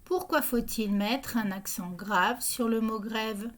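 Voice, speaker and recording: Using a scripted narration voice, a woman hosts a grammar quiz. Her pitch sits a little high, and she reads each question and answer option slowly and evenly.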